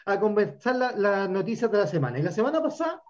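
A man's voice: high-pitched, big pitch swings, fast talker, a little mellow. Chilean man, podcast co-host; earnest, insistent interviewer, muffled lo-fi audio. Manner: earnest, insistent, repeats his words when starting a point. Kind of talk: casual interview. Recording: dull lo-fi sound.

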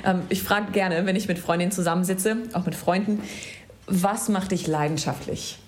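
A woman's voice: lowish voice, fairly even intonation, moderate pace, slight background noise. A woman hosting a podcast, asking questions and affirming her guest in a casual interview chat. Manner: warm, affirming, asks questions. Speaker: podcast host.

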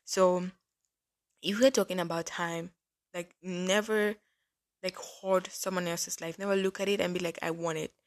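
A woman's voice: fairly low pitch, steady tone, a little slow. A woman in her early twenties hosting a casual faith-based podcast, chatty and earnest, with lots of "like" fillers. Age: early 20s. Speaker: podcast host.

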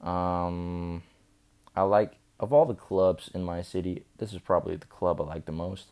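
A man's voice: low voice, steady tone, moderate pace, darkish tone, clear, resonant tone. A young man telling a rambling, profane story while drunk and slurring his words. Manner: loose, profane, chatty. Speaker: vlogger.

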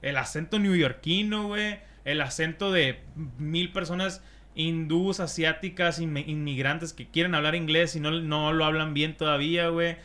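Young Mexican man, casual host chatter, rambling and crude, brightish tone with a slightly high pitch. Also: steady tone, normal speed. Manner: profane, rambling, slangy. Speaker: streamer and podcast host. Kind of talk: casual chat.

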